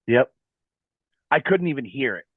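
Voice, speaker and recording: A man's voice: medium pitch, animated, moderate pace, husky, narrow, tinny audio. A man chatting casually and emphatically on a video call, giving informal feedback. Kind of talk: casual chat.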